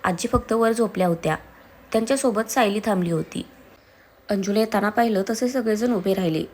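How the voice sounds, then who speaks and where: A woman storyteller reading scripted narration with a steady, even delivery. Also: mid-range voice, brisk.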